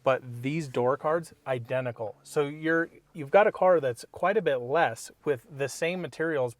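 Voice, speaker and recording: A man's voice: a little high, no room sound. Easygoing man giving car opinions. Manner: easygoing, agreeable, measured opinions. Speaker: co-host reviewing cars. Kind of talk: casual car review chat. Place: inside a parked car.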